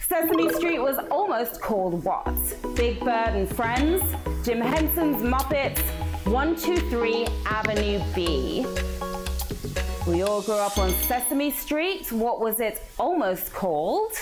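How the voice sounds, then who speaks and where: A woman's voice: on the high side, slow pace. Upbeat woman hosting a quiz. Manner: energetic, sing-song, playful. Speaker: quiz show host. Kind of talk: upbeat live game show hosting. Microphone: played through a phone app. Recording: background music from the app.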